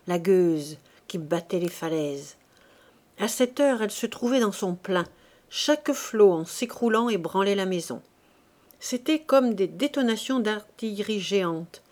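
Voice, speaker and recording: Brief: woman, audiobook narrator, measured expressive reading, mid-range voice. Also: mid-range voice. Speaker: audiobook reader. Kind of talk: audiobook narration of a classic novel.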